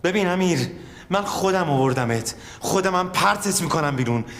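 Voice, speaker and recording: A man's voice: on the high side, lively intonation, fairly bright tone, in a large hall. An actor playing a furious man who scolds and threatens a friend. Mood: angry. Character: furious man berating his careless friend. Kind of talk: TV drama acting.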